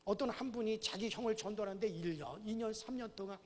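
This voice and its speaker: A man preaching a sermon as pastor to his congregation in a church, often checking in with a quick "eh?" and rising into loud commands. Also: high-pitched. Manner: asks the congregation "어?" often, shouts commands at Satan. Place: church sanctuary. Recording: long church hall reverb.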